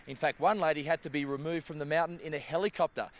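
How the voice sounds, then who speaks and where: This Australian man speaks fast and in a fairly high register, presenting a travel documentary with upbeat enthusiasm straight to his audience. His delivery blends to-camera talk with scripted narration, and the location sound is noisy and outdoors.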